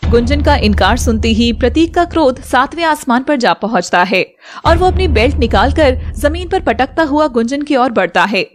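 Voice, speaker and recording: A woman narrating a scripted animated drama in an even storytelling voice. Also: high-pitched, normal speed, slight background noise.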